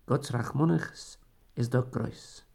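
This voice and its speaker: A man's voice: mid-range voice, slow pace, creaky, darkish tone, husky. A man reading a story aloud in a solemn, theatrical way. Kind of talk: dramatic literary reading.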